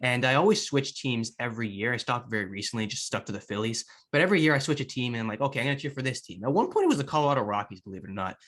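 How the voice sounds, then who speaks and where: A young man talks quickly in a casual sports-podcast style. He is chatty and rambling, telling things as they come, in a mid-pitched voice. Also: lively intonation, a bit bright.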